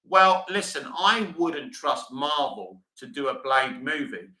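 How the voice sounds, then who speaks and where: A man's voice: medium pitch, sing-song, slow pace, bright, forceful tone, roomy sound, rough recording. A middle-aged man from England, hosting a casual livestream, reading viewer comments aloud and answering them bluntly. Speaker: livestream host reading chat.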